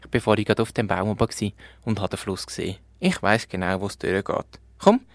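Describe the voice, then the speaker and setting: A man with a Swiss German accent voicing an eager, cheerful little bear cub in a children's story, talking in an excited, breathless kid voice. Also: on the low side, fairly quick, no room sound.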